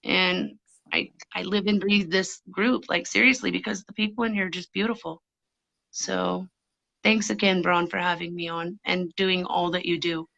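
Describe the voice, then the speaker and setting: A woman with a Wyoming American accent speaks as an interview guest. Her voice is bright and her delivery is emphatic and encouraging. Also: on the low side, steady tone, normal speed, vocal fry, dull audio. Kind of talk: livestream interview.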